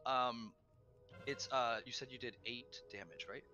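A man's voice: mid-range voice, steady tone, a little slow, bright, forceful tone, dull audio, faint music behind. A man running a tabletop game as game master, narrating casually with many ums and the odd swear.

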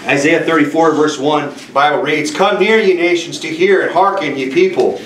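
A middle-aged man preaches in a small church room, dwelling slowly on each line of scripture. His voice sits a little high. It comes from a distance, with a roomy echo and faint background noise. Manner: forceful preaching with slow emphatic scripture reading. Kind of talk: sermon. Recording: echoey room from far off.

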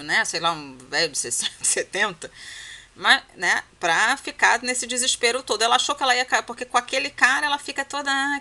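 A Brazilian woman with a bright, clear voice gives casual spoken commentary on a soap opera episode. She talks straight to her viewers and gets indignant and exclamatory about the characters. Her delivery is loose and conversational, full of restarts. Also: fairly high pitch. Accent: Brazilian Portuguese. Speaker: host reacting to a Turkish soap episode.

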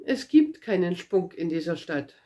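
A woman's voice: fairly low pitch, very animated, a little slow, mellow, voice pushed down. A woman voicing a cheeky, boastful little red-haired girl in a read-aloud storybook, chatty and eager. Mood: wistful.

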